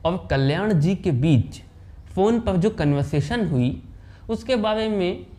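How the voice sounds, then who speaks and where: A man with a mellow, warm tone and a slightly high voice tells an anecdote in a dramatic storytelling style. He shifts his voice whenever he quotes someone. The delivery is that of a narrator holding a listener's attention. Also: expressive, measured pace. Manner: dramatic, voices quoted characters with pitch swings. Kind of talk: anecdote narration with acted dialogue.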